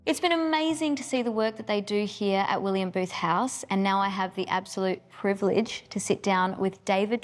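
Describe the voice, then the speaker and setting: A woman hosting a TV special, interviewing a guest with enthusiasm. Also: medium pitch. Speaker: TV special host.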